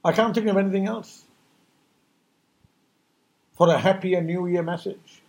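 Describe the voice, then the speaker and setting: A man with a fairly high voice delivers an impassioned, preachy New Year message, emphatically hammering his points home and firing off rhetorical questions. His intonation stays fairly even and his pace measured.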